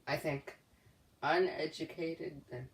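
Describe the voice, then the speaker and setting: A woman co-hosting a casual storytelling game, hesitant and halting, with many uhs and restarts. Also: deep voice, steady tone, roomy sound, distant mic. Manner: hesitant, full of uhs and restarts, laughs easily. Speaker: co-host.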